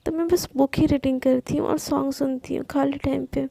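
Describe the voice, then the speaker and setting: A woman's voice: high-pitched, fairly even intonation, a little fast, creaky, dark tone, no room sound. A woman voicing a strict but caring young woman who scolds her friend, told as a spoken love story. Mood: scolding. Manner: scolding, stern.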